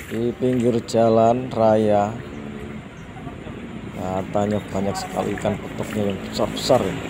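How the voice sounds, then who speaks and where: A man chatting casually to his viewers as he films by a roadside canal, with passing traffic behind him. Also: medium pitch. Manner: chatty, talks to viewers as friends. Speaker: vlogger filming outdoors. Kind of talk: casual vlog narration. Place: outdoors by a roadside canal and rice fields. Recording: outdoor phone recording with road noise.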